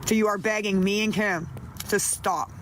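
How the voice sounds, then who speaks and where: A woman's voice: mid-range voice, steady tone, normal speed, a bit bright, slight background noise. A woman on her own livestream, pleading with viewers for money and swearing angrily at people she blames. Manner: profane, pleading and angry. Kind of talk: upset livestream rant.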